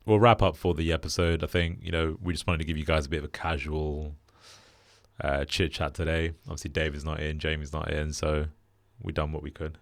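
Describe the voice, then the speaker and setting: A young British man hosting a casual podcast chat, relaxed and flat in delivery with lots of fillers. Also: a bass voice, fairly quick, dry recording, studio quality. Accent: British English. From Britain. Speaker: podcast host.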